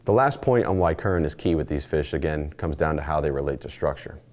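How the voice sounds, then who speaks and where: A man's voice: very deep voice, lively intonation, quick pace, a little mellow. A man in his forties, a charter captain, giving a plainspoken instructional talk in short stacked phrases, recorded on a lapel mic in an indoor studio. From Northeastern United States. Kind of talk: instructional presentation. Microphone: lapel mic, framed mid-shot.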